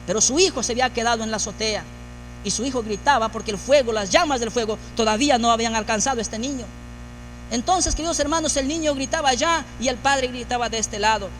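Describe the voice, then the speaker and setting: A man's voice: very high voice, quick pace, a bit bright, a little hiss or hum. A man preaching a sermon as pastor, building emphasis through repeated phrases. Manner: preaching with rising, emphatic repetition.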